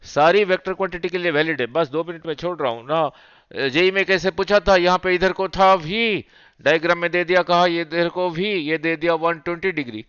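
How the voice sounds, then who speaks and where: Hindi physics teacher drilling students. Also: male voice, on the high side, steady tone, moderate pace, a bit bright, clear, resonant tone, no echo, muffled recording. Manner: mixes Hindi with English terms, quizzes students with repeated checks. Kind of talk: fast exam revision lecture.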